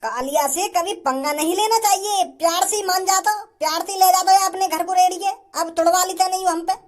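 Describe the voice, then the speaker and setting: A woman's voice: very high-pitched, a little fast, a little hiss or hum. A woman voicing a swaggering male hired goon who taunts and throws out proverbs. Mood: mocking. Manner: taunting, full of sayings. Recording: music playing under voice.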